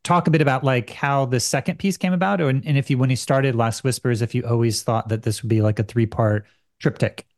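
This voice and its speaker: A man's voice: mid-range voice, fairly even intonation, fairly quick, no echo, clean studio sound. A man hosting an interview podcast, casual and conversational, with loose phrasing. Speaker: podcast host. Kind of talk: podcast intro and interview questions.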